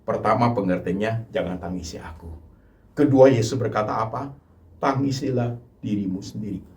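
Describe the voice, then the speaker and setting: A man with an Indonesian accent preaching a Good Friday sermon, moving between hushed pleading and loud, impassioned appeals to the congregation. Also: on the low side, normal speed. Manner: addresses congregation repeatedly as brothers and sisters. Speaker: pastor.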